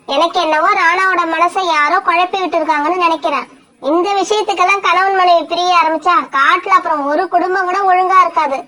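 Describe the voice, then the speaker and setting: A woman's voice: extremely high pitch, sharp tone. A woman voicing a caring older sister sparrow in a cartoon, soothing and concerned. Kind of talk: cartoon voice acting.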